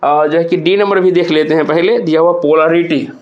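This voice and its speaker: A man runs an exam revision lesson, his voice sitting a little high. He spells each word slowly, letter by letter, and keeps asking his students questions. The recording sounds muffled and lo-fi. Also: steady tone. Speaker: exam prep teacher. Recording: muffled lo-fi audio.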